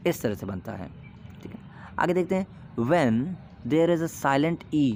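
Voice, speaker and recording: A man teaching an English grammar lesson, explaining in Hindi and reading English rules slowly, with an Indian accent. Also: medium pitch, a little mellow, a little hiss or hum.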